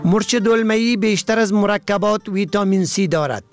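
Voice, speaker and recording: A man with an Afghan Dari accent reading a scripted radio program, slow and careful, spelling words out letter by letter. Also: high-pitched, loud music behind the voice. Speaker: radio presenter.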